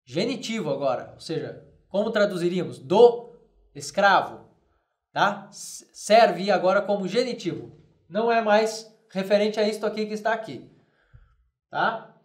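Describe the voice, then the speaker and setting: A man teaching a Latin grammar lesson, explaining slowly and repeating each form while checking that students follow. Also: sits high, expressive, reverberant. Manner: slow and deliberate, repeating forms and checking with "tá?".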